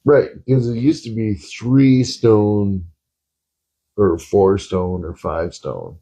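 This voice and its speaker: A man's voice: lowish voice, slow pace, warm tone. A man on a casual podcast, telling rambling stories full of fillers and swearing. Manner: rambling, profane storytelling with many fillers. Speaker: podcast co-host.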